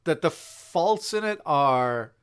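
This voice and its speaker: A man co-hosting a casual movie commentary podcast, joking and teasing in quick bursts. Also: a little high, lively intonation, a bit bright, clear, resonant tone. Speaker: podcast co-host.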